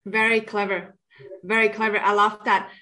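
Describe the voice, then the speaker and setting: A woman's voice: medium pitch, flat delivery, normal speed, sharp tone. A woman hosting a podcast interview, thinking aloud as she frames her questions. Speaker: podcast host.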